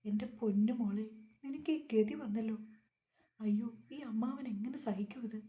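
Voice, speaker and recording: A woman's voice: fairly high pitch, moderate pace, warm tone, natural voice. A woman reading the part of a scheming middle-aged uncle who gushes with overdone sympathy on the phone. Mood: fawning.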